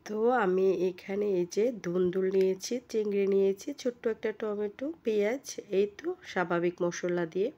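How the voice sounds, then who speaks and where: Hoarse female cooking host with a cold, easygoing recipe voice-over, middle pitch. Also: fairly even intonation, fairly quick, hardly any pauses, dark tone, dull audio. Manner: step-by-step, chatty instructions.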